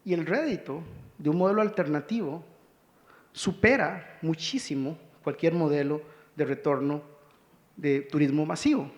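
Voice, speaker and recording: A man's voice: fairly high pitch, normal speed, a little mellow, highs cut off. Man urging an audience, reverberant hall. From Costa Rica. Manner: earnest, urging, cues slides. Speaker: conference speaker. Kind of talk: conference presentation. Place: conference hall.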